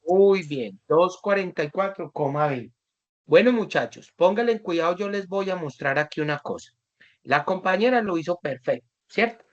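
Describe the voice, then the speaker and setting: Un hombre con acento colombiano que da una clase en línea y explica con paciencia, imitando a sus alumnos en anécdotas. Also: male voice, high-pitched, expressive, normal speed, muffled recording. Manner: patient, acts out students in anecdotes. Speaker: teacher. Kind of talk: online class, explaining to students.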